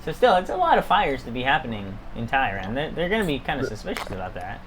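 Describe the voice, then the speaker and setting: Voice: mid-range voice, sing-song, quick pace, crowd noise. A game master narrating a tabletop role-playing game, hesitant and full of fillers.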